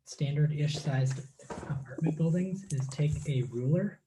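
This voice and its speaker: A man guest on a video call, talking in a relaxed, halting way as he crafts and thinks aloud. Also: fairly high pitch, slight background noise, rough recording. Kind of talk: casual chat while crafting.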